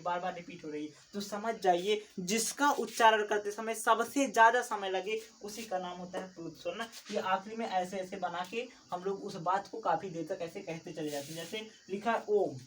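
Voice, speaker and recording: A woman teacher takes her students through a lesson step by step, posing a question and answering it right away. Her voice sits at a middle pitch and sounds a little far from the mic, with a faint wash of noise behind it. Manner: asks questions and answers them herself, repeats key terms. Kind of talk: recorded classroom lesson.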